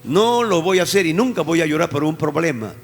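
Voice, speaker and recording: A man preaching with fervor, his voice pitched high and ringing through a hall with a long reverb. Faint music plays softly underneath. He repeats phrases over and over to drive each point home. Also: expressive, a little fast, gravelly. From Peru. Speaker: pastor. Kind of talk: sermon.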